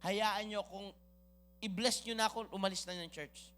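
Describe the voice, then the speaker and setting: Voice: mid-range voice, fairly even intonation, moderate pace, a bit bright, close to an everyday voice. A preacher voicing a hurt, weary church member who wants to leave, speaking in a subdued, pleading way.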